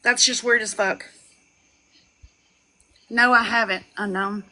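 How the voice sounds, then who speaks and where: A young woman on a live stream, ranting and gossiping in a loud, profane way, with laughs and shouted lines. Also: fairly high pitch, steady tone, takes it slowly, low-quality recording. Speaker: livestreamer. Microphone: phone.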